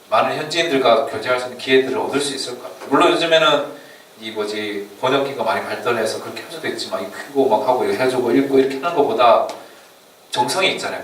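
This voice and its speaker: A man giving an informal orientation lecture to church youth before a mission trip, chatty and quick to laugh. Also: medium pitch. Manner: chatty, laughs often, leans on fillers while explaining. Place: church meeting room or hall. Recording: echoey hall from far off, faint room noise.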